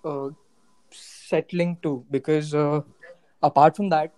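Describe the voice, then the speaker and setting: A man's voice: fairly high pitch, steady tone, slow pace, a little mellow. A man with an Indian accent, talking casually and reflectively as a podcast guest, hesitantly searching for words. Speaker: podcast guest, cafe co-founder.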